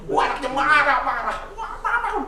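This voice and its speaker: A man preaching a Sunday sermon, swinging between loud shouts and hushed asides as he addresses the congregation. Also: extremely high pitch, sing-song, normal speed, a crowd in the background. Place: large church hall. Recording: echoey hall, heard from a distance.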